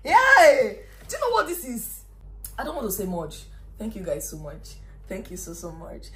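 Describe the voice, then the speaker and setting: A young Nigerian woman chatting excitably and emotionally in an unboxing vlog, dropping into pidgin slang. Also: mid-range voice, normal speed, a little hiss or hum. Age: young adult. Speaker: vlogger.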